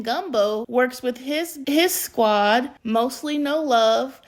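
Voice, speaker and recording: A woman co-hosting a casual movie review, giving emphatic, opinionated takes. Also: fairly high pitch.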